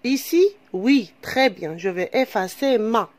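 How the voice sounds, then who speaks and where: A woman's voice: a little high, lively intonation. A woman teaching a reading lesson to young children, patient and repetitive, asking questions as she goes, with an Algerian French accent. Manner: slow, patient, repeats and asks questions to pupils. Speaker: primary school teacher.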